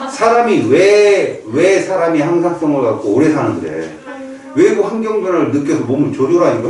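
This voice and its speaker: Lively male teacher in an echoey classroom. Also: fairly high pitch. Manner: lively, playful, acts out reactions. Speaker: biology teacher. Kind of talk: classroom lecture. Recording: echoey room from far off.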